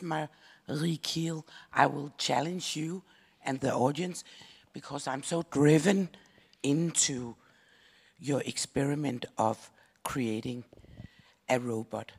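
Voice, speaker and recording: A man from Denmark in the audience, asking a question slowly and deliberately. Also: fairly high pitch, vocal fry, slightly rough, big-room sound.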